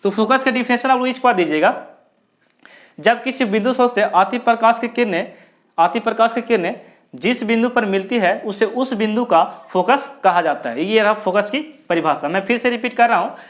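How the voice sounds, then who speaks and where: A man with a high voice teaches physics at the board. He asks the class a question, answers it himself, and draws key terms out word by word so students can copy them down. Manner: repeats key terms slowly, syllable by syllable. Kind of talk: blackboard lecture.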